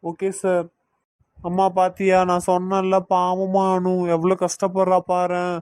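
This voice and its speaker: A man's voice: high voice, completely flat delivery, unhurried, a little mellow, clean tone, no echo, clean studio sound. A man voicing an anxious, fearful young husband in a cartoon, worried and pleading, with a Kanyakumari Tamil accent.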